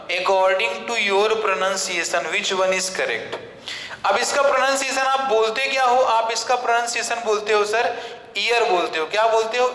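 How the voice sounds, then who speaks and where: Male grammar teacher, high voice, questions his students then answers himself, slow English asides, echoey classroom. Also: pushed and bright. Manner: switches into slow, deliberate English phrases. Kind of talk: classroom lecture.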